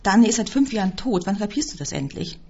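A woman's voice: medium pitch, lively intonation, a little fast, warm tone, breathy edge. A woman reading as a desperate, pleading young wife. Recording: dull lo-fi recording.

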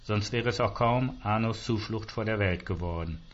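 Low-voiced man reading a story. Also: normal speed. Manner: dry, ironic storytelling. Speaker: narrator. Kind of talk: audiobook reading of a short story. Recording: dull lo-fi recording.

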